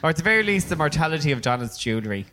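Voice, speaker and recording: A man's voice: on the high side, big pitch swings, racing, pushed and bright, slight background noise. A man, a guest on a live podcast, chats with witty, playful asides and laughs as he talks. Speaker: podcast guest, drag performer.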